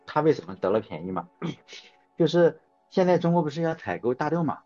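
A man's voice: fairly high pitch, sing-song, brisk, dark tone. A man hosting a casual chat show, rambling through anecdotes and correcting himself as he goes. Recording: dull lo-fi sound with faint music.

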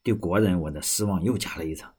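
Male podcaster, lowish husky voice, loose rambling read with frequent self-corrections. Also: fast, darkish tone. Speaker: podcast host. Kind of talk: casual storytelling and reading aloud.

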